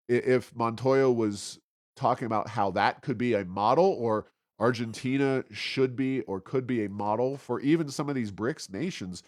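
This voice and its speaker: This talk-podcast host is a man with a fairly low-pitched voice, recorded in studio quality with no echo. He offers unscripted political and economic commentary, wandering through points and arguing them.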